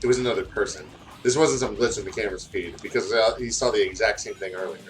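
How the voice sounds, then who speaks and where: A guest with a low voice talks fast while reading fan fiction aloud during a game playthrough. His way of chatting is casual, profane, and self-deprecating.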